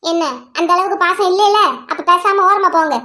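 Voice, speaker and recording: A woman voicing an outspoken young village wife in a cartoon family drama, who argues quickly and talks back to her elders. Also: very high voice, fairly even intonation, pushed and bright. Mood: argumentative. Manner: fast, argumentative, reasoning. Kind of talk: cartoon voice acting.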